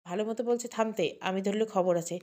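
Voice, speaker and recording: A woman's voice: medium pitch, a little fast, warm tone, natural voice. A woman doing a curt, bossy young man. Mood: angry. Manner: commanding, curt. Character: angry, controlling young man.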